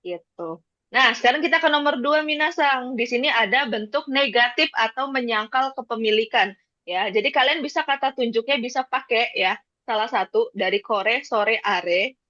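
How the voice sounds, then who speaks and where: A woman's voice: fairly high pitch, normal speed, pushed and bright, no room sound. A woman teaching Japanese to a class, patient, repeating points and checking that students follow. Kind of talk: classroom lesson. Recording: dull lo-fi dry sound.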